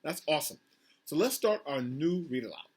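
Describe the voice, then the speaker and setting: A man's voice: on the high side, animated, moderate pace, slightly rough. A man, a school principal, reading a picture book aloud to children over a video call, praising them and asking about the pictures. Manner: encouraging, asks the children questions about the pictures.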